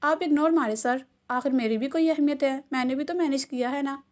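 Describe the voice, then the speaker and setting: Nervous young male assistant, stammering, flustered, voiced by a woman, high-pitched. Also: a little fast, close to an everyday voice.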